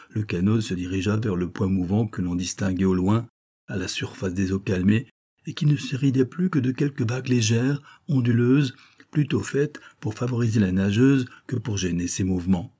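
A man narrating an old serial novel as an audiobook, in a theatrical, lively storytelling manner. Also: fairly low pitch, breathy edge.

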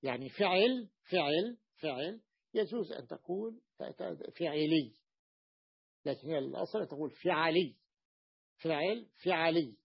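A male teacher explains a grammar lesson and drills each word form with patient repetition. His voice sits a little high, with a gravelly and husky grain. The recording is dull and lo-fi. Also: animated, moderate pace.

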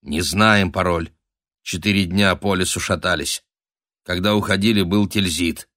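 A man's voice: low-pitched, steady tone, normal speed, bright, forceful tone, no echo, clean studio sound. A man voicing weary soldiers answering a sentry after days lost in the woods.

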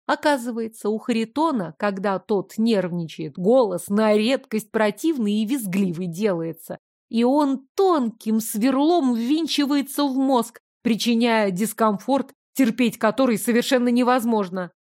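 A woman narrating an audiobook in the first person, with lively, expressive storytelling. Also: a little high.

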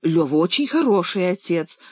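Strict elderly grandmother, as voiced by a narrator, curt and sceptical, lively up-and-down delivery, audiobook. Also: medium pitch, moderate pace, breathy edge, dry recording, pitched above the performer's own voice. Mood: stern. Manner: curt, stern scolding. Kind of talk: audiobook character reading.

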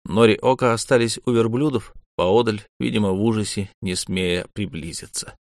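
An audiobook narrator with a fairly low male voice reads a scripted story at a steady, measured pace. The recording is dry and close-miked, with no room sound at all.

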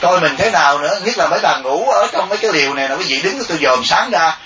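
A monk giving a dharma talk, animated and joking, often mimicking laypeople. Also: male voice, fairly high pitch, fast talker, slight background noise. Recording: distant echoey lo-fi recording.

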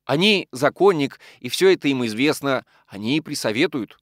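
A man voicing a brisk, sensible young housemaid. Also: medium pitch, no echo, clean studio sound, close to an everyday voice. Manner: pert, lively.

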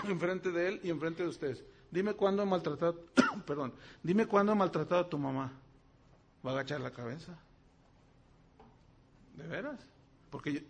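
A man's voice: high voice, fairly bright tone, slightly rough. A middle-aged man, preaching a sermon as a pastor in a conversational, storytelling way, acting out quoted voices.

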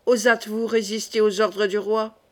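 A woman's voice: mid-range voice, level tone, moderate pace, lightly acted. A woman voicing a proud, irritable young king in an audiobook, commanding and indignant.

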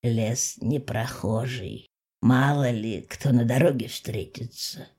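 A shy, clumsy werewolf grumbles in a gravelly, husky rumble, as a woman puts him on. His voice sits very low, a gruff storybook mutter more awkward than scary. He speaks in the slow, sheepish way of a beast who would rather have pies than prey. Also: darkish tone, exaggerated voice. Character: awkward male werewolf, gruff but timid. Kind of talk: audiobook character voice.

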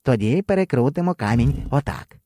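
A man's voice: mid-range voice, lively intonation, fairly quick, mellow, no echo, studio quality, lightly acted. Man doing a fawning male fortune-teller. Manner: fawning, eager to please.

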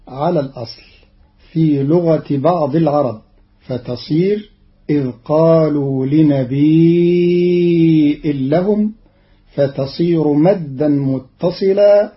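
A man explaining Quran readings in a measured, deliberate scripted radio talk, from an old archival radio recording. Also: fairly high pitch, highs cut off.

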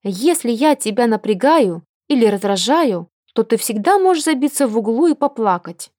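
A woman's voice: fairly high pitch, expressive, unhurried, a little mellow, no room sound, studio quality, voice pushed up. A woman voicing a proud, fiery young woman soldier in an audiobook, talking in a snappish, indignant way. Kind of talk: audiobook character voice.

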